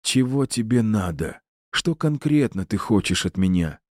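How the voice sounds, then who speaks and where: A man voicing a broken, weary male professor who answers slowly and heavily. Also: fairly low pitch, lively intonation, darkish tone, dry recording, clean studio sound, voice pushed up.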